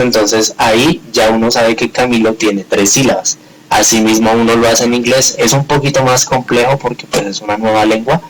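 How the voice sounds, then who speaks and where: A male teacher with a fairly low voice walks his class through the grammar. He explains patiently, repeats each point and keeps checking in with the students. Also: fairly bright tone, a little hiss or hum, low-quality recording. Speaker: English teacher. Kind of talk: live online grammar class.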